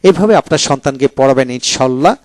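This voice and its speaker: Man slowly drilling English words twice. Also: mid-range voice, expressive, a little mellow, no room sound. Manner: slow, repeating each word twice. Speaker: teacher. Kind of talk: pronunciation drill lesson.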